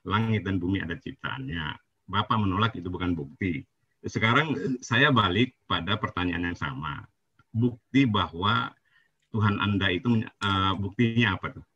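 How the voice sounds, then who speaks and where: Husky low-voiced man on a dull call. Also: animated, normal speed, bright, forceful tone. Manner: insistent, keeps demanding to be heard. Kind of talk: heated debate.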